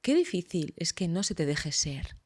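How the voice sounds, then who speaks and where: A woman's voice: on the low side, moderate pace. A woman, a psychologist hosting a podcast, telling stories expressively in casual conversation. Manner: expressive, animated storytelling.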